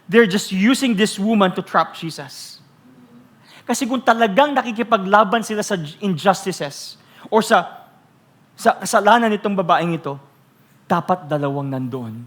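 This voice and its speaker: A Filipino man preaching a sermon as pastor, teasing the congregation with rhetorical questions and loudly acting out quoted voices. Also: high-pitched, lively intonation, normal speed. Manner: switches between Tagalog and English, acts out quoted voices loudly.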